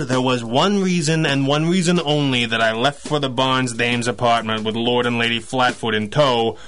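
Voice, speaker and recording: An actor playing a gruff, sardonic police lieutenant in old-time radio style, a wry, hard-boiled 1930s beat cop full of slang. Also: male voice, medium pitch, pushed and bright, natural voice. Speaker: police homicide lieutenant in a detective radio drama.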